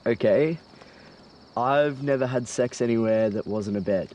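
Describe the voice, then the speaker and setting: An actor plays an easygoing teenage boy, a bit awkward, who pauses and hedges before he talks. His voice is mid-pitched and ordinary. Faint crickets sound behind him outdoors. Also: a little mellow, a little hiss or hum, close to an everyday voice. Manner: hesitant, with many ums, and easygoing. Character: laid-back, slightly awkward teenage boy. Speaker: high school student. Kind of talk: film dialogue.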